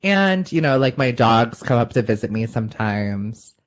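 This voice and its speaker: A man's voice: mid-range voice, lively intonation, normal speed. A man co-hosting a podcast, telling a story in a casual, rambling way full of fillers and restarts, over a remote call. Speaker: podcast co-host. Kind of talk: casual chat.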